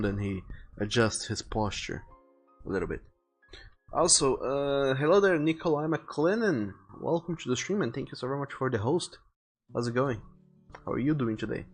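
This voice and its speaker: A man hosts a casual art livestream, reading viewer messages aloud and offering advice in an earnest, conversational way. His gravelly, medium-pitched voice is animated and moderately paced, with faint music playing behind him.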